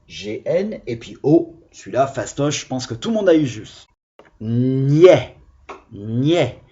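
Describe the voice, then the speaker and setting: Slow, lively-voiced male teacher. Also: on the high side. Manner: slow, deliberate, over-articulated syllables. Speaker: primary school teacher. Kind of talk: video reading lesson for children. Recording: dull lo-fi sound.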